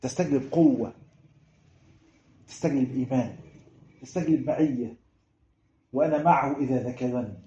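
A man's voice: mid-range voice, moderate pace, pauses often, warm tone. A man with an Egyptian Arabic accent preaching a sermon fervently, building into emphatic repetitions. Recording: roomy, dull lo-fi sound.

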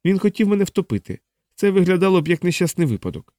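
A man's voice: high-pitched, sing-song, mellow, no room sound, clean studio sound, pitched above the performer's own voice. A man voicing a frightened young woman. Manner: breathless, halting, fearful retelling.

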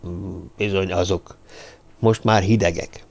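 A man voicing a brooding, secretive drifter who speaks quietly and sparingly in an audiobook. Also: deep voice, steady tone. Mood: subdued.

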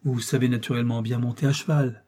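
A man reading as a brisk, shrewd detective. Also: medium pitch, fairly even intonation, warm tone, husky, lightly acted. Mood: brisk, assured. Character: shrewd confident male police detective in disguise.

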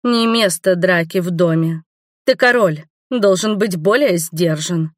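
A woman voicing a haughty, indignant noble mother in an audiobook, shrill and high. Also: a little slow, no room sound, clean studio sound, lightly acted. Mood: scolding. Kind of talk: audiobook character reading.

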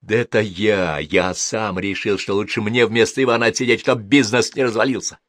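A man's voice: lowish voice, steady tone, normal speed, no echo, clean studio sound, voice pushed up, lightly acted. A man voicing a hot-tempered older brother who speaks with bitter, scornful anger. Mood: angry bitter. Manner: angry, shouting, scornful.

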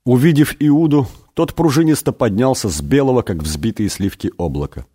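A man reading a satirical story aloud as an audiobook, wry and expressive. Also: medium pitch, normal speed, husky. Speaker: reader. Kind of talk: audiobook narration.

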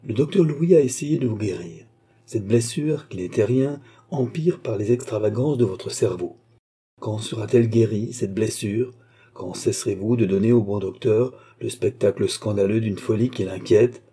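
A man's voice: fairly low pitch, normal speed, warm tone, breathy edge. A man voicing a proud, indignant queen who scolds in a raised, reproachful voice. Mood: stern.

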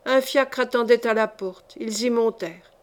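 Woman, audiobook narrator, measured storytelling, clear reading, slightly high voice. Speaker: audiobook reader.

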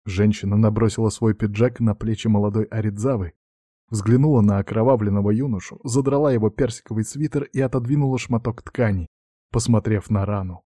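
A man reading a novel aloud as scripted narration in a steady, measured way. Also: lowish voice, no room sound, studio quality. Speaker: audiobook narrator.

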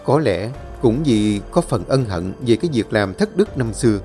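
A man narrating a horror story in a dramatic, expressive way. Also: lowish voice, normal speed, soft background music.

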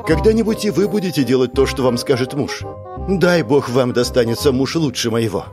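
A man's voice: mid-range voice, lively intonation, brisk, pitched above the performer's own voice, natural voice. Male reader as a frightened young woman under questioning: raised, pleading voice, near tears; faint music under it. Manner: pleading, breathless swearing. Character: frightened young woman hotel clerk, tearful.

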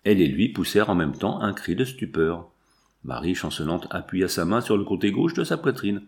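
A man narrating a novel in an expressive storytelling manner. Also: low-pitched, fairly quick. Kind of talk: audiobook narration.

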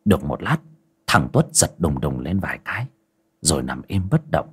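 A man narrating a horror story with dramatic, expressive delivery. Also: a bass voice, moderate pace, husky.

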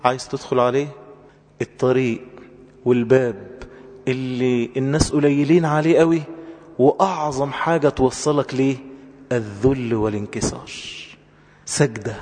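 A man preaching a sermon with an Egyptian accent, talking emphatically and rising to high exclamations. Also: mellow, long reverb tail. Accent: Egyptian Arabic.

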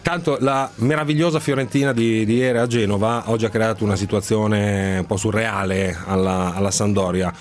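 A man presenting a sports talk show on the radio in a conversational way. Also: fairly low pitch.

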